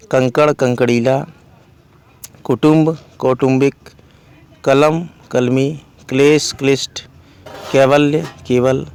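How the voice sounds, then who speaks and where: Slow, steady male grammar teacher. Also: medium pitch, clean tone. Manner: slow, steady listing of word pairs. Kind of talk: reciting word lists in a lecture.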